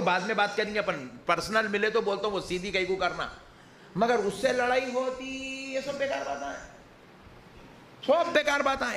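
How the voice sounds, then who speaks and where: A man's voice: extremely high pitch, fairly bright tone, roomy sound, a little hiss or hum. A man preaching a sermon in a mocking, joking way. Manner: jokey, mocking, acts out people's sayings. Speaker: Islamic preacher.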